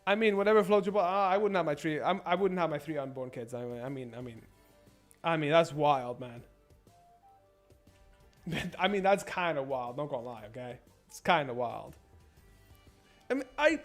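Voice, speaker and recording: Rambling, foul-mouthed man streaming a game. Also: a little high. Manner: profane, rambling, stammers and repeats himself. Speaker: gaming streamer. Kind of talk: casual gameplay commentary.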